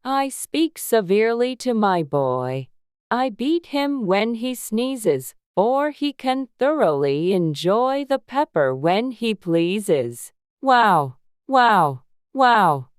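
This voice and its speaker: A woman's voice: fairly high pitch, big pitch swings, takes it slowly, clean tone, no echo, studio quality. A woman voicing a bossy, bad-tempered duchess with a curt, theatrical, scolding delivery in a dramatized storybook audiobook. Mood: harsh, sing-song.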